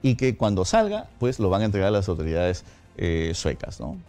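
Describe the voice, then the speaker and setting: A man giving legal analysis as a radio guest, his voice mellow and warm. He lays out points methodically, often pausing with small hesitations mid-sentence. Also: low voice, wildly swooping pitch, faint music behind. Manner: measured, explains with frequent "eh" pauses. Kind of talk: explanatory interview answers. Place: radio studio.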